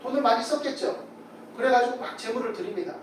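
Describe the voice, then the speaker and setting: High-voiced pastor preaching in an echoey hall. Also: male voice, fast. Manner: animated, acts out voices of God and people in quotes. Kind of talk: sermon. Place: church sanctuary. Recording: very echoey hall, far from the mic, faint noise.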